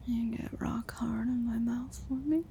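A woman performing a whispered role-play as an affectionate lover, with a sultry, breathy, intimate murmur close to the microphone. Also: a little high, fairly even intonation, unhurried, mellow, slight background noise.

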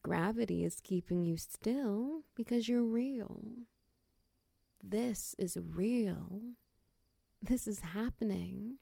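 A woman in a close-mic comfort roleplay, speaking softly and soothingly to a partner, slipping into whispers and guiding slow breathing counts. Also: medium pitch, gravelly, dry recording. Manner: soft, soothing, slips into whispers.

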